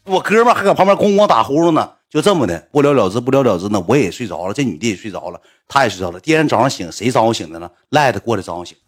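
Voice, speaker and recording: A man with a Northeastern Mandarin accent telling a story in casual chat, animated and acting out the voices of the people in it. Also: mid-range voice, rapid-fire, few pauses, soft background music. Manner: animated, acts out quoted voices.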